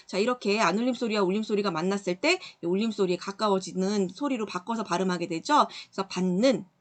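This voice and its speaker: A woman teacher walking students through exercises in a recorded online lesson, patient and explanatory, often checking in with the class. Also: medium pitch. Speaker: middle school Korean teacher.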